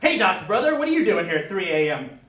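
A man's voice: sits high, very animated, fast, roomy sound, distant mic, muffled recording, background noise, pitched above the performer's own voice. A man voicing a brash, manic male radio sportscaster at a live stage reading.

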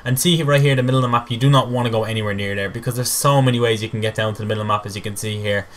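Young guy rambling over gameplay, talks real fast, excitable, laughs at himself. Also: fairly low pitch. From Ireland. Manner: rambling, excitable, self-mocking. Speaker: gameplay commentator. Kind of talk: game commentary voice-over.

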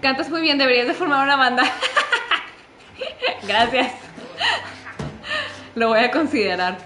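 A woman's voice: high voice, animated, slow pace. A young woman commenting casually on a game, switching between English and Spanish with a joking manner. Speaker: gaming streamer. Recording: roomy sound with game music behind.

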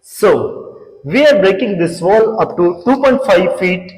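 This time his voice sits high and sounds animated as the young Indian renovation founder tours the big, empty apartment on a lapel mic. His scripted presentation stays measured, pointing out features and the changes ahead. Background music plays through the echoing rooms.

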